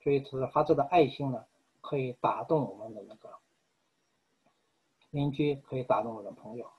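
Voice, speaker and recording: Earnest male preacher, husky voice. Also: mid-range voice, muffled recording. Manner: earnest, measured, with frequent pauses. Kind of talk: sermon.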